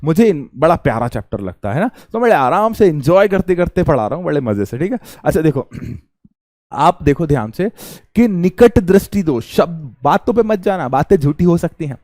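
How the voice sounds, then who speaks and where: A young man teaches a class in a calm, unhurried, chatty way, often posing a question and then answering it himself. His voice sits fairly high but has a mellow tone. The sound is dry and close. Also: no echo. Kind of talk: classroom lecture.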